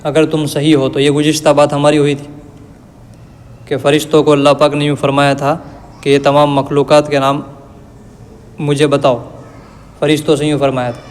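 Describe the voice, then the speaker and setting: A man giving a religious lesson, reciting verses slowly and then explaining them in plain everyday words. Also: fairly high pitch, little pitch movement. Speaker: Quran teacher. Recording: long reverb.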